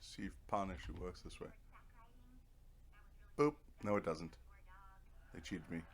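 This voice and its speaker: Speaking a little slowly in a low voice, a man streams a game and rambles casually through let's play commentary. He half talks to himself with playful little words. In the background, Netflix from a nearby TV comes through as clear noise.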